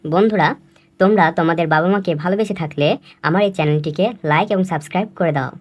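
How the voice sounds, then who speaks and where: A woman's voice: fairly low pitch, quick pace. Chatty woman hosting a skit channel. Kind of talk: staged family comedy skit.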